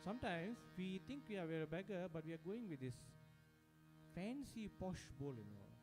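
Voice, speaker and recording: A high-pitched man with big pitch swings and a brisk pace leads a devotional singing workshop, music playing behind him. He speaks conversationally, breaks into sung examples, and keeps checking in with his audience.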